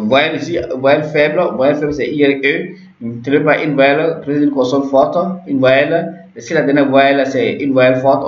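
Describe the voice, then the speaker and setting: A man teaching a grammar lesson, explaining step by step, repeating terms and often checking that listeners follow. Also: mid-range voice. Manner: repetitive, checks understanding with frequent "ok". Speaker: language teacher. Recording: echoey, dull lo-fi room recording.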